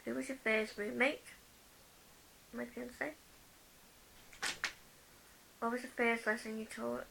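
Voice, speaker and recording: A woman's voice: a little high, flat delivery, takes it slowly, gravelly, background noise. A young woman from the UK vlogging a tag video, chatting as she reads each question aloud and answers it with personal stories.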